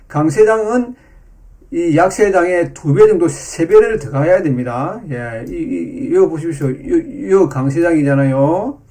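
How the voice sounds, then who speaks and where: Mellow-voiced man explaining stock charts. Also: a little high. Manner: slow, repetitive, fills with "예" and "요". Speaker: stock market commentator.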